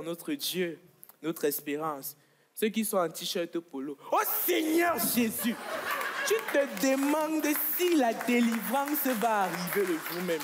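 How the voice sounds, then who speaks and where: A man from Congo performing stand-up comedy on a stage, with a playful, boastful delivery. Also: high-pitched. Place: comedy stage with live audience.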